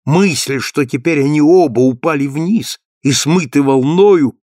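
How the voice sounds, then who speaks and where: A man narrates a classic novel in a steady, measured storyteller's voice. His pitch sits somewhat high for a man. The sound is close and dry, with no room around it. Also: no echo. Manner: steady, measured literary reading. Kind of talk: audiobook reading of a 19th-century novel.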